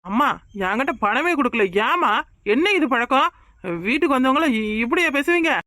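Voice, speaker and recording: A cowardly drunk man blusters and whines his way through a cartoon, as a voice actor plays him. The voice runs high and bright for a man, quick to panic. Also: lively intonation, dry recording, clean studio sound. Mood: blustering. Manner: panicky, defensive, whining. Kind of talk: cartoon voice acting.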